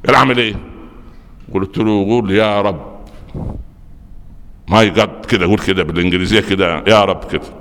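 Fast-talking Egyptian preacher in a hall. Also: male voice, on the low side. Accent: Egyptian Arabic. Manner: lively storytelling with rhetorical questions; often stumbles and repeats words. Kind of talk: Friday sermon talk. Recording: long hall reverb.

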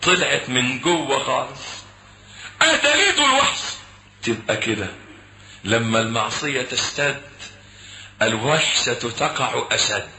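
A man with an Egyptian Arabic accent preaching a sermon, telling stories and acting out dialogue, swinging between hushed lines and shouts. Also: mid-range voice, sing-song, a little slow, pauses often. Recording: echoey room, faint background hum.

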